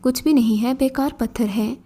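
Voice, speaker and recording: A woman's voice: a little high, steady tone, mellow, slightly rough. A woman voicing a desperate, unlucky poor young man who pleads and sounds confused. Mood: pleading.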